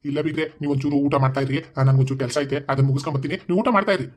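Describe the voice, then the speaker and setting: A man voicing a fearful, scheming son-in-law in an animated comedy, pleading in a flat rapid way. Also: medium pitch, close to an everyday voice. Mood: harried.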